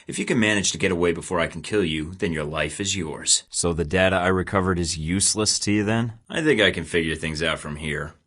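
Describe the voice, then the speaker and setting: Deep and fairly bright, this man's voice moves briskly with few pauses. He is recording video game lines as a wry, young undercover agent who stays calm under pressure, speaking in dry, sarcastic, clipped bursts of radio-style field talk.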